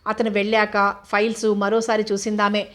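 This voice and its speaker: Woman narrating a novel in a flat tone. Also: medium pitch, normal speed. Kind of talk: scripted audiobook narration of a novel.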